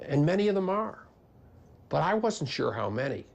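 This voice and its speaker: A man's voice: a little high, big pitch swings, moderate pace, vocal fry, slight background noise. An older man, a scientist, explaining his views conversationally in a documentary interview. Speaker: geneticist interviewee.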